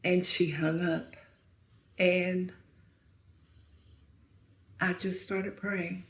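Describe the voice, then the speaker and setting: A middle-aged woman telling a painful story as an interview guest, speaking softly and sometimes near a whisper. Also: fairly low pitch, flat delivery, extremely slow. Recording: roomy echo.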